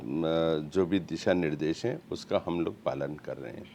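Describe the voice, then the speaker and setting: A man speaking as a guest on a news panel, hesitant with frequent fillers and pauses. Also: a bass voice, warm tone, slight background noise. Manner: slow, hesitant, many fillers. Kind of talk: panel debate statement.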